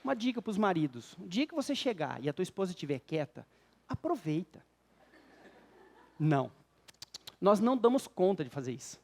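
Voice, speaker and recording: A man's voice: high voice, very animated, moderate pace, vocal fry, long pauses, darkish tone. A Brazilian man giving a spiritist lecture to a live audience, quizzing the listeners and telling jokey stories about married life. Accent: Brazilian Portuguese. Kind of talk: humorous public lecture.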